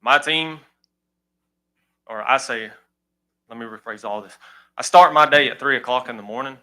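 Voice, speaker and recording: A man who runs a girls softball league, speaking plainly and earnestly at a county meeting. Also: medium pitch, normal speed, rough recording. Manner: plain-spoken, earnest, repeats "all right". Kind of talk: public comment at a county meeting.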